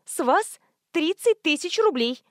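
A woman reading an audiobook voices a prank caller posing as a squealing pizza-delivery woman, with a shrill, squeaky delivery. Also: animated, a little slow, no echo, studio quality. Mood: mock insistent. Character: squeaky phony pizza-delivery woman, actually a joking man.

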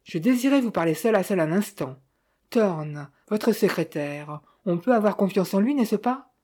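A courteous young man speaks carefully and politely, as a woman narrator reads him. His tone is mellow and slightly raised. It is an audiobook reading. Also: medium pitch, expressive, normal speed, natural voice. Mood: wary.

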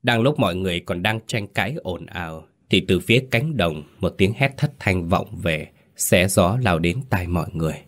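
A man's voice: low voice, animated, normal speed, few pauses, a bit bright. A man narrating a ghost story in a dramatic, suspenseful reading.

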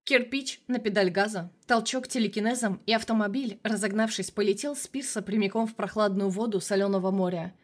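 Female audiobook narrator, measured, mid-pitched. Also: steady tone. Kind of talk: scripted narration.

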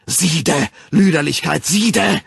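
A man voicing a frenzied young male savage in an audiobook, roaring furious outbursts in a husky voice. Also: fairly high pitch, slow pace, no room sound, studio quality, pitched above the performer's own voice, full character voice. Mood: raging. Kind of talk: audiobook character voice.

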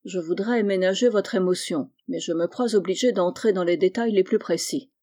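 A reader voicing a troubled young man who speaks earnestly and deliberately in an audiobook. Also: medium pitch, warm tone, close to an everyday voice. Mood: measured. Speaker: character in a novel reading. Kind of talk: dramatic audiobook reading.

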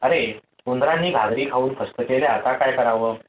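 A man's voice: mid-range voice, moderate pace, roomy sound, a little hiss or hum, lightly acted, poor audio. A man playing a sly, lying friend. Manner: feigned innocence.

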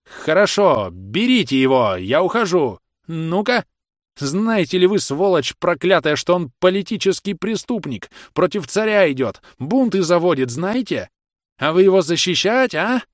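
A man's voice: very animated, takes it slowly, no room sound, studio quality, full character voice. A man doing a shrieking brutal police officer. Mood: shrill panic. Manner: shrill, shrieking and hoarse when angry.

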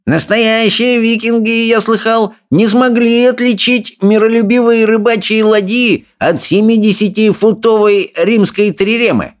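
A cocky Viking bully boy jeers and hisses threats in a storybook, put on by a male narrator. The voice sits much higher than the reader's own and drips with mockery. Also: measured pace, few pauses. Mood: mocking. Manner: mocking, hissing threats. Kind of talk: audiobook character voice.

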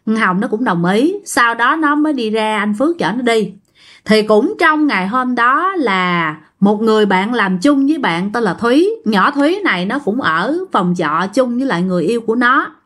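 A woman's voice: a little high, normal speed. A woman telling a ghost story to her listeners, acting out the voices of the people in it. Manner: lively, acts out the quoted voices. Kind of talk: storytelling to an audience.

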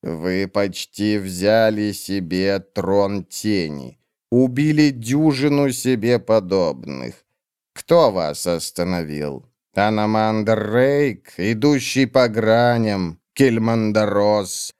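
A man reading an audiobook, voicing an ancient undead witch with a slow, low, measured delivery. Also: animated, a little mellow, clean tone, no echo, studio quality. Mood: cold. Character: ancient undead female witch, cold and scheming.

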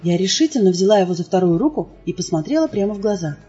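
A woman's voice: mid-range voice, lively intonation, fast talker, dark tone, breathy edge. A woman reading a first-person audiobook in an emotional, dramatic way. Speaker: audiobook narrator. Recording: dull lo-fi sound with faint music.

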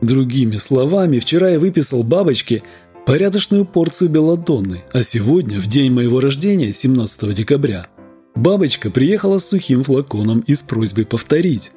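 A man reading a literary story aloud in an expressive, theatrical way. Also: medium pitch, brisk, husky, soft background music. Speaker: audiobook reader. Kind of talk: scripted literary narration.

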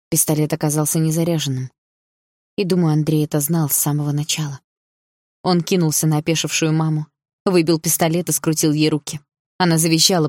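A woman narrating a first-person audiobook in a measured, dramatic reading. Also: sits low, darkish tone, dry recording, clean studio sound.

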